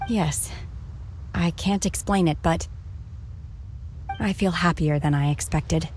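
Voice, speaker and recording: Very low, reserved young warrior woman. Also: a little mellow, soft background music. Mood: shy. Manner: halting, understated, plain-spoken. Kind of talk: video game cutscene acting.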